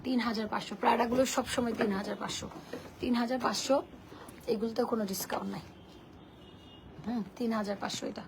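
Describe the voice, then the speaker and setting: A hoarse woman hosting a casual live sale, her voice worn and gravelly from shouting. She speaks in a slightly high register and chats bluntly to her viewers. The stream audio carries a clear layer of background noise. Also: fairly even intonation, a little fast, long pauses. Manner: chatty and blunt, reads viewer comments aloud.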